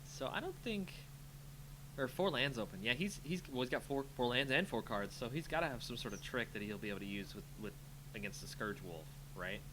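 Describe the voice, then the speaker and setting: Talking a little fast in an expressive, mid-range voice, a card game channel host plays a game amid background noise. His live commentary is casual self-talk, playful muttering with sing-song filler as he reasons through his moves.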